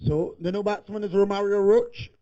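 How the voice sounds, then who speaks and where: A man giving live cricket play-by-play, excitable and rising to shouts on big hits, heard on a dull lo-fi recording. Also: sits high, normal speed. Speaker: cricket commentator.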